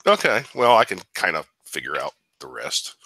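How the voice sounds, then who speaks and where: A man playing in a tabletop game, animated and improvising casually. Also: sits low, normal speed, husky, no room sound, poor audio. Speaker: player. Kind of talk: casual tabletop role-play.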